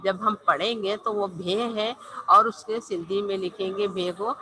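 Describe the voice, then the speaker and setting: A woman's voice: mid-range voice, fairly even intonation, measured pace, noisy background. A woman teacher giving an online language lesson, patiently spelling out and repeating each letter.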